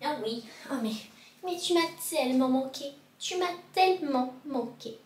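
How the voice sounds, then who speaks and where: A clingy little house cat coos in a very high, sugary baby voice, as a woman puts it on. The sound is echoey and a bit off-mic in a bare room. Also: lively intonation, moderate pace, darkish tone, far from the mic. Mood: affectionate. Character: small affectionate pet cat, cooing and clingy.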